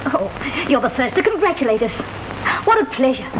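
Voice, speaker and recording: Pert young English woman, very high, swooping voice, slangy witty 1930s banter, noisy old film sound. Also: big pitch swings, moderate pace. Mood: cheeky, breezy. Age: young adult. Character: cheeky, outspoken lower-class young English woman. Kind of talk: 1930s drawing-room comedy acting, witty period banter.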